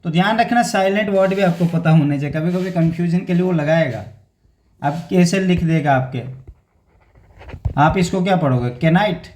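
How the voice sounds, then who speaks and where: A man's voice: high-pitched, normal speed, darkish tone. A young man teaching an exam-prep grammar lesson in casual Hindi mixed with English, repeating words and checking in with "theek hai" again and again.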